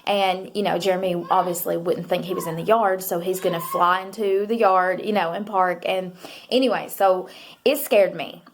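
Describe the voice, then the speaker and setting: A woman's voice: lowish voice, fairly even intonation, moderate pace, background noise. A young adult woman, chatting to camera as she tells a story, rambling with many fillers and asides. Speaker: mother and vlogger.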